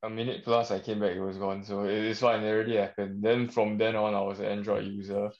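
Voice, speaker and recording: A laid-back young man chats on a casual podcast, mumbling and letting his sentences trail off. His voice is fairly low, and the recording sounds dull and lo-fi. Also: level tone, quick pace.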